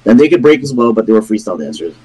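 On a roughly recorded podcast, a male guest from Toronto, Canada tells stories in a rambling, informal way, often checking in with "you know what I mean." His lowish, dark-toned voice has a sing-song lilt and comes out rapid-fire. It's casual conversational storytelling.

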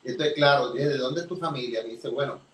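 A man with a Puerto Rican accent, an archaeologist guest, explaining in a measured, lecturing way during a conversational interview. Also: medium pitch, fairly bright tone. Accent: Puerto Rican Spanish. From Puerto Rico. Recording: roomy, distant mic with faint noise.

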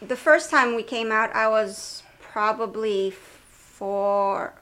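A woman's voice: a little high, steady tone, slow, sharp tone. A young woman from Romania, a podcast guest sharing her life story in a casual, conversational way, with many fillers and self-corrections. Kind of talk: casual personal testimony.

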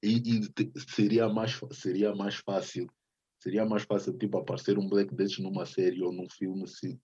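A husky, somewhat low-voiced young man, heard through a muffled microphone. He chats casually, haltingly insisting on and repeating his points. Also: flat delivery, warm tone. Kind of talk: casual chat among friends.

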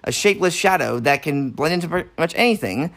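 Animated guy cohosting a podcast, kinda high voice, cusses a lot. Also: fast talker, creaky, a little hiss or hum. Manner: animated, swears freely. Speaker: podcast co-host. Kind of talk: casual film recap chat.

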